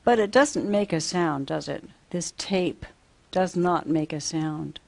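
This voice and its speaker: A woman's voice: deep voice, slow, gravelly, a little mellow. A woman teaching a simple children's lesson as if reading to a toddler, asking sing-song questions and repeating simple phrases.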